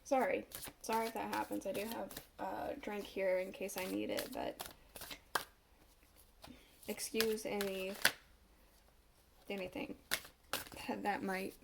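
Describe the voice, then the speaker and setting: A woman with a congested voice, recovering from a cough, giving a casual tarot reading with halting pauses. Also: medium pitch, little pitch movement, vocal fry, noisy background. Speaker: tarot reader.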